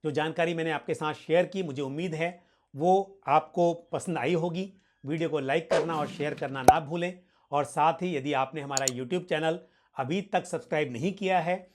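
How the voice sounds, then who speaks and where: A man's voice: a little high, noisy background. Man explaining finance in a formal way. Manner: formal, polite address; mixes in English financial terms. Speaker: host answering viewer questions. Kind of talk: explanatory financial question-and-answer.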